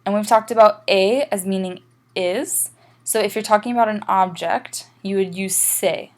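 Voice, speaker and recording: Woman teacher, patient explainer, mid-range voice, recorded lesson. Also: mid-range voice. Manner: patient, explanatory, spells out examples slowly. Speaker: French teacher.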